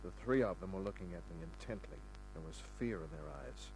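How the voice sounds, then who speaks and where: Man playing Larry Kent, low-voiced needling private eye. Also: quick pace, a little mellow, soft background music, natural voice. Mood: tense narration. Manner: wry, taunting tough talk. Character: cool, needling, hard-boiled male private detective. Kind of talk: old-time radio crime drama acting with first-person narration. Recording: noisy, humming old radio recording.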